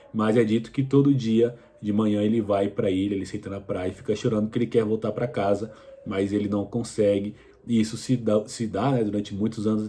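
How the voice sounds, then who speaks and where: A man hosting a history video, casually retelling an ancient story with loose, colloquial phrasing and frequent hesitations. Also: fairly low pitch. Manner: relaxed retelling with frequent fillers and restarts; colloquial, addresses viewer directly. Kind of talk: casual educational explainer.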